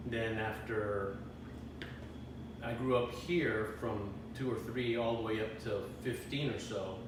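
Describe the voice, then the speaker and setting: A middle-aged man with a lowish voice, recorded from a distance in an echoey room with background noise, is an interview guest. He tells his life story casually, rambling, often restarting and chuckling now and then.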